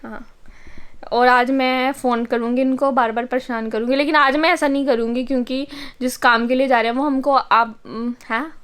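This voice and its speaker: Chatty high-voiced young woman vlogging. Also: fairly even intonation, normal speed, a bit bright, recorded from a distance. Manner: chatty, playful, laughs often. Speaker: vlogger host. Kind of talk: casual vlog chat. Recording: voice a bit off-mic, faint music behind.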